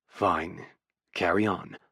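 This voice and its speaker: A man voicing a gruff, grumpy athlete. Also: low voice, steady tone, slow pace, sharp tone, no room sound, clean studio sound, pitched below the performer's own voice, heavily acted. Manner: growling, clipped and sarcastic. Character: gruff, bossy male athlete, grumpy and curt.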